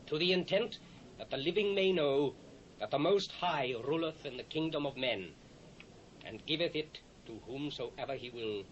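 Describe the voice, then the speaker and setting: A man's voice: mid-range voice, lightly acted. A British man playing a proud, commanding Babylonian king in a dramatised scripture recording, declaiming in a stately way. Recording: dull cassette transfer, faint hiss.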